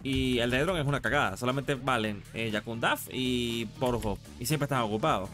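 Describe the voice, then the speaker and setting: Soft music plays behind a game streamer with a Latin American Spanish accent who talks briskly in a mid-range, fairly bright voice. He keeps his live-stream chat casual, slangy, and informal, swearing casually here and there.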